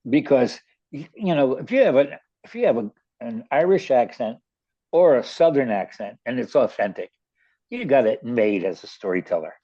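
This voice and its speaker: An older man with a Baltimore accent hosts a radio show, telling stories in a casual, rambling chat full of restarts and stammered, repeated words. His mid-range voice is very animated, moving at normal speed with frequent pauses. The recording sounds muffled.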